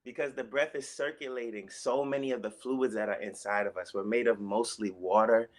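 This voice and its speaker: A man leading a live-streamed guided breathing class, calm and coaxing, checking in often with "okay?" and "all right?". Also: on the low side, fairly quick. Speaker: breathwork instructor.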